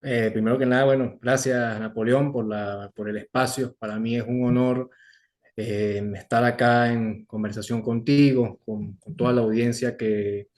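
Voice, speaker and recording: A young Venezuelan man answers an interviewer in measured, formal sentences. He pauses often on "eh" while he gathers his thoughts, and his voice sits in a middle register. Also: mid-range voice, steady tone, darkish tone. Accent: Venezuelan Spanish. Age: 20s. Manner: measured, formal, with many "eh" fillers and restarts. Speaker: guest, young political activist.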